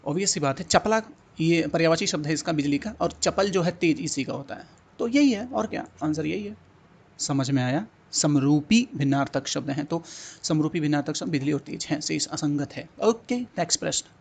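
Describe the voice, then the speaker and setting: Man, Hindi exam-prep teacher, husky gravelly voice, slightly high pitch, repeats and coaxes students. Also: animated, a little fast. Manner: repetitive, coaxing questions to students.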